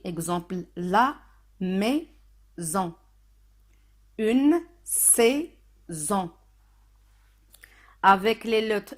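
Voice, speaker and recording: Woman, schoolteacher, unhurried and deliberate, sounds out each syllable for kids. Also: mid-range voice. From Morocco. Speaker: teacher. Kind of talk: phonics lesson for children.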